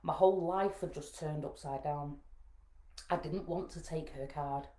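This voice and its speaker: A woman's voice: low voice, a little slow, mellow. A Northern English woman telling her own story to camera, plainspoken and frank with dry jokey asides. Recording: roomy echo.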